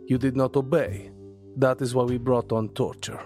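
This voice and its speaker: An actor playing a stubborn Russian mobster under interrogation, with a Russian accent and slow, menacing broken English. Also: male voice, mid-range voice, flat delivery, darkish tone, soft background music, lightly acted. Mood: smug. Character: gruff Russian male mobster prisoner, smug and stubborn. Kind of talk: audio drama acting.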